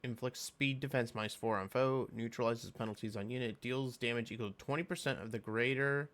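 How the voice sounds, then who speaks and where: A man giving casual reaction commentary on a game, reading skill text aloud and thinking out loud with fillers. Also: mid-range voice, fairly quick. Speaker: game video creator.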